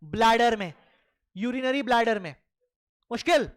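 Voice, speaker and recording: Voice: mid-range voice, expressive, normal speed, a faint crowd. A biology teacher giving a classroom lecture who keeps asking the class questions and answering them, repeats words for emphasis, and calls the students children. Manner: mixes Hindi and English freely.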